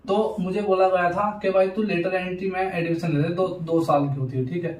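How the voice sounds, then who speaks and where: A young man who's an education YouTuber talks informally to camera for students, speaking in a high-sitting voice with a steady, a little mellow tone at a brisk pace. He's insistent, repeating himself with frequent verbal tags, and the recording has roomy echo, a distant mic and faint noise.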